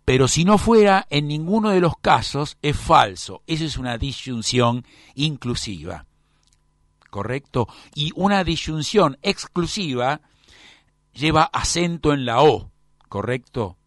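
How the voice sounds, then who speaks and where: A man's voice: fairly high pitch, animated, a little slow, fairly bright tone, no room sound. Professorial man lecturing in a dry room. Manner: professorial, often checks with the class. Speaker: teacher.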